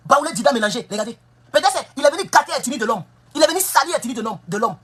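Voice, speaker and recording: A woman's voice: sits high, lively intonation, very fast, a bit bright, slightly rough. A woman giving an impassioned political monologue, emphatic and scolding, firing off rhetorical questions. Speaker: political commentator. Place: United States.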